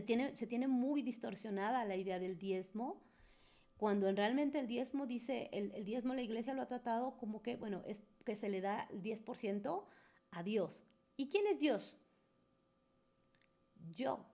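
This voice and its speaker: A woman speaking, her voice sitting a little high yet soft and warm at the edges. She talks a group through their questions like a spiritual coach, earnest and coaxing, with a loose conversational flow. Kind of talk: live Q&A talk to a group.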